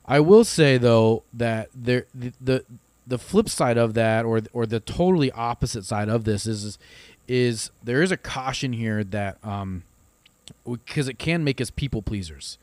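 A man from Ohio joins a casual faith podcast, working out his thoughts aloud in stop-start phrases. His voice is mid-pitched and recorded close and dry. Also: darkish tone, dry recording. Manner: halting, many fillers and restarts. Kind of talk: casual ministry discussion.

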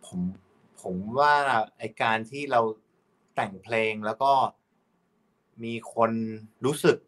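A young man, a songwriter guest on a podcast, talking casually in a halting way with lots of fillers. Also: medium pitch. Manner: relaxed, halting, with many fillers and restarts.

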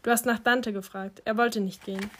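Woman reading as a calm, worried mother. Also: a little high, brisk, natural voice. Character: worried, practical middle-aged mother.

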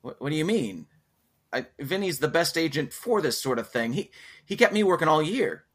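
A man's voice: on the high side, sing-song, moderate pace, a bit bright, voice pushed up. A man playing an awkward, friendly male hired protester who stammers and laughs nervously. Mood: sheepish.

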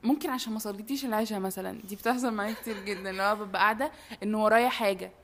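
A woman's voice: mid-range voice, racing, a little hiss or hum. A young woman with an Egyptian Arabic accent, chatting casually and reflectively. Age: young adult. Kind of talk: casual reflective group chat.

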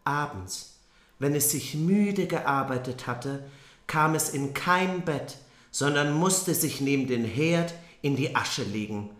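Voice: medium pitch, slow, a bit bright, roomy sound. A podcast host reading a fairy tale aloud with playful, gossipy asides.

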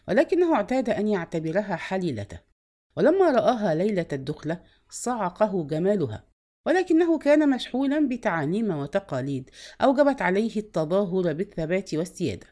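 A woman narrating a novel aloud in a measured, expressive storytelling manner. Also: mid-range voice.

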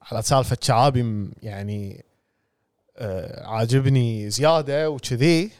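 A man's voice: medium pitch, moderate pace, a little mellow, clear, resonant tone, studio quality. A man co-hosting a casual podcast, encouraging and often echoing what the other speaker says. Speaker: podcast co-host.

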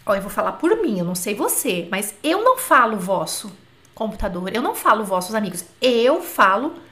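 Woman teacher, slightly high voice, chatty online French lesson, stretches out dictated words. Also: fairly bright tone. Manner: slow, drawn-out dictation of example words; chatty, asks the class questions. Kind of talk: live online language class.

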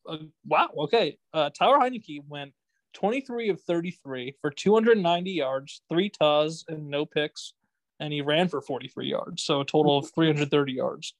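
A man's voice: on the high side, no echo, low-quality recording. A young man hosting a casual sports podcast, rambling with restarts and laughing often. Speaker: podcast host.

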